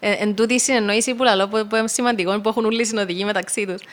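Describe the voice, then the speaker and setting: Young Cypriot Greek woman, rally co-driver guest, chatty and rambling, mid-pitched. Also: steady tone. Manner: chatty, loose storytelling with many fillers. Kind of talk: casual podcast conversation.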